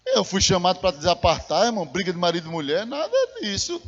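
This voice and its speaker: A man's voice: sits high, quick pace. A man preaching a sermon as an evangelist, telling a story with animation and calling his listeners brother. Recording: reverberant hall, muffled lo-fi sound.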